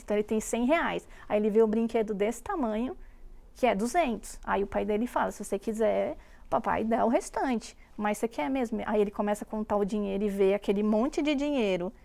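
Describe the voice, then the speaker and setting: A woman in her thirties, chatting casually as a mother and telling stories with lively quoted voices. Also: medium pitch, a little fast, gravelly. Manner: animated storytelling with voiced quotes. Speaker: guest mother. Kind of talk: casual chat.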